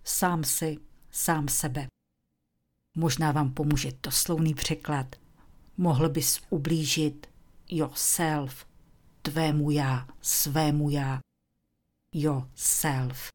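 A woman teaching English, speaking slowly and clearly, and sometimes dropping into a whisper to model phrases. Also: low-pitched, fairly even intonation, a little mellow. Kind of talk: slow, deliberate language lesson.

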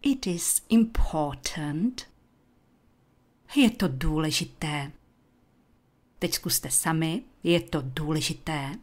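Low-voiced woman teaching English slowly. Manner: slow, deliberate enunciation of words to repeat. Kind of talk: language lesson with repetition drills.

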